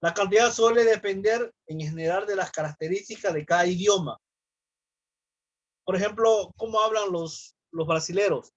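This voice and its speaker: A man's voice: sits high, normal speed, no echo, dull audio. A man, a pastor, teaching a church class on public speaking. He explains terms, asks the class questions and acts out sample greetings.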